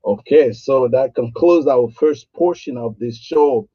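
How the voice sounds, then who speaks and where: A man's voice: mid-range voice, unhurried, breathy edge, no echo, dull audio. A man hosting an interview show, hesitant, with many fillers and restarts. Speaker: show host.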